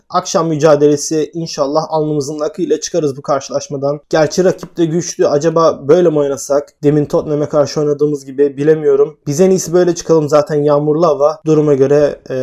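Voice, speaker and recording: A young man giving excited play-by-play commentary on his own football video game match, swinging from calm narration to shouts at missed chances. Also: fairly high pitch. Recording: faint game music behind.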